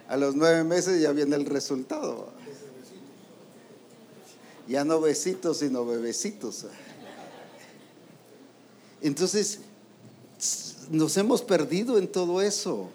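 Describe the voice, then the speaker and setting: A man preaching a sermon to ministers, lively and full of rhetorical questions, acting out quoted voices. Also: a little high, slight background noise.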